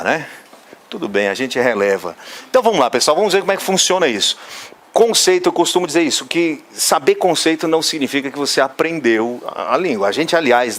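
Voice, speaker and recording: Chatty man teaching a grammar class. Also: mid-range voice. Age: adult, father of a young son. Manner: lively, asks students questions and answers them himself; jokey asides and playful anecdotes. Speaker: Portuguese teacher. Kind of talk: recorded online class lecture.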